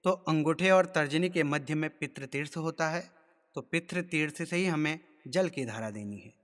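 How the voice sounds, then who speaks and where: A man giving a step-by-step ritual lesson, explaining rules in a measured way and chanting mantras slowly. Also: fairly high pitch, fairly bright tone. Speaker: ritual instructor. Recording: long reverb.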